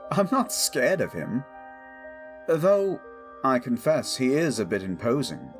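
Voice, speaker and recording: Over background music, a man voices a protective, stubborn young king in a romantic audio drama. His mid-range delivery is very animated yet formal, measured and earnest, with a tender, teasing mood.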